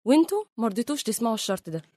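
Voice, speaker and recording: A woman's voice: on the high side, big pitch swings, very fast, a little mellow, no room sound, clean studio sound. A woman playing a mysterious female figure who embodies worldly life and lectures the others in an Egyptian accent. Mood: lecturing. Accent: Egyptian Arabic. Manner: solemn, lecturing.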